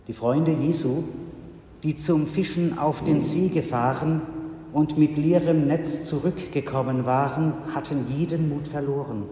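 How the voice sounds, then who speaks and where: Slow, measured male preacher. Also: a little high, warm tone. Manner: slow, measured, with solemn pauses. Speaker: pastor. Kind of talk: sermon. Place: church. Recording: reverberant church hall.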